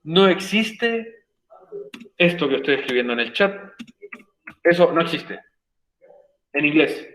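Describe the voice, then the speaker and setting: A Chilean-accented man teaches English online through a computer microphone, stressing and repeating each rule and checking in with an "ok?". His voice is a bit high for a man and fairly bright, moving at normal speed with long pauses. The room sounds echoey, with a little hiss or hum.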